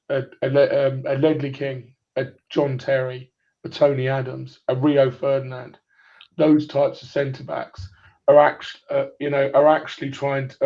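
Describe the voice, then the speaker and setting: A man in his forties on a clipped phone line, chatting about football in a rambling way and restarting his points over and over. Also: mid-range voice. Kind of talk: casual football chat.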